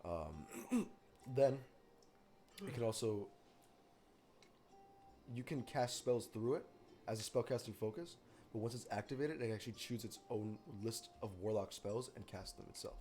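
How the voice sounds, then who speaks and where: A man narrating a tabletop game as game master, halting and full of fillers. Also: mid-range voice, expressive, dark tone.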